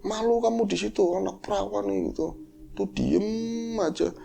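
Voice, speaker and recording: A man's voice: high voice, moderate pace, vocal fry, warm tone, slight background noise, voice pushed up. A man putting on the voice of a scolding mother, nagging her daughter to come inside. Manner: nagging, raised voice.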